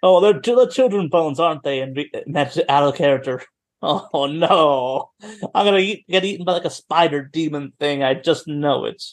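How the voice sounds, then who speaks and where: Male tabletop player, fairly high pitch, casual game chat, in and out of character. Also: animated, normal speed.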